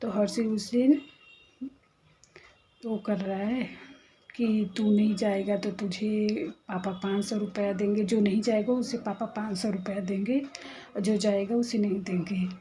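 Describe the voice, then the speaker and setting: A woman's voice: medium pitch, fairly even intonation, a little slow, warm tone, a little hiss or hum, rough recording. A woman in her thirties, a mother chatting to camera at home in a casual vlog, telling stories in a gossipy way and sometimes dropping her voice. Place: at home, near the kitchen.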